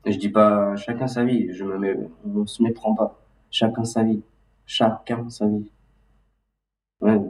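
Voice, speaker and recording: A man talking casually and loosely about his memories, halting and restarting often with lots of fillers. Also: lowish voice, flat delivery, a little mellow. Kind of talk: casual rambling monologue. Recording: roomy echo, mic at a distance.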